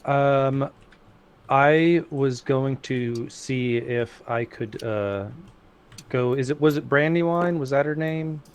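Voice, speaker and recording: A man's voice: mid-range voice, takes it slowly, smooth. A man playing a tabletop game, chatting casually with tentative, hesitant phrasing.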